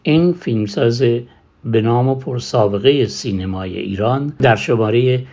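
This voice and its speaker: A man hosting a cinema program, presenting scripted introductions in a formal, measured way. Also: mid-range voice, darkish tone, highs cut off. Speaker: radio host.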